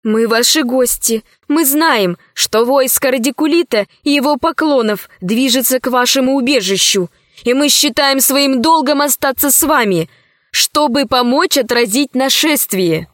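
A woman's voice: high voice, measured pace, dry recording, studio quality. A woman voicing a grieving but resolute woman who speaks in a weary, controlled way. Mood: weary firm.

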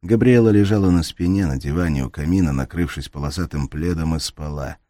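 A man narrating a suspense audiobook in a measured way, slowing down in tense moments. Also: rumbling low, warm tone, no echo, studio quality. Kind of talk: scripted narration.

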